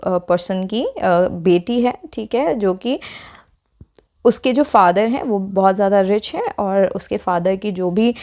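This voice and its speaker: A woman teacher explaining a textbook lesson to students at a moderate, middle pitch. She goes through each term step by step, keeps checking in with "okay" asides, and slows down deliberately when she reads the English text. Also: a little mellow.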